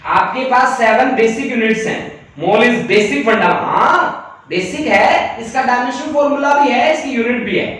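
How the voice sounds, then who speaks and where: A man's voice: very high-pitched, a bit bright. A male physics teacher giving an online class lecture, chatty, reading out student comments and making joking asides. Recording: distant mic in echoey room, faint noise.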